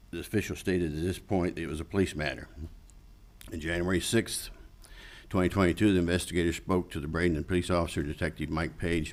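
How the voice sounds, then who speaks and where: Deep-voiced man reading a report aloud. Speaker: citizen commenter. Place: council meeting room.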